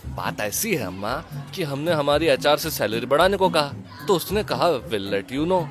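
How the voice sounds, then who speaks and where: A man voicing a crude, excitable young man who swears freely in an audio drama. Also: a little high, unhurried, faint music behind. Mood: excited. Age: young adult.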